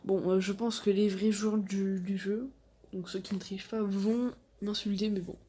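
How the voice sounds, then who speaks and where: A woman's voice: mid-range voice, fairly even intonation, normal speed, warm tone, slight background noise. A woman hosting a casual game tutorial, rambling with lots of fillers and self-deprecating asides. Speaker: gaming tutorial host.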